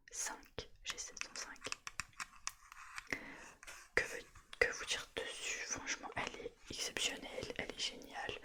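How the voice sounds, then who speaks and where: A woman softly whispering right in your ear in a casual ASMR show-and-tell, with a gushing, enthusiastic manner. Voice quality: soft, unvoiced whisper. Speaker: ASMR YouTuber.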